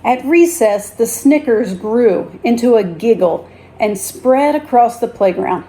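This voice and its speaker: In a slightly high voice, a woman teacher tells a children's story aloud with a deliberate, expressive delivery.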